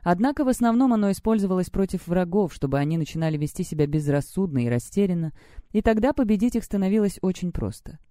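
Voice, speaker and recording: A woman's voice: lowish voice, animated, fast talker, warm tone, no room sound, clean studio sound. A woman reading an audiobook, narrating a story in the first person. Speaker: audiobook reader. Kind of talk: scripted narration.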